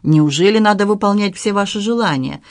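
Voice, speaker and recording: A man's voice: high voice, brisk, no room sound, clean studio sound, voice pushed up. A reader voicing a grown man who answers a crying lover with terse, exasperated replies. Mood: cold.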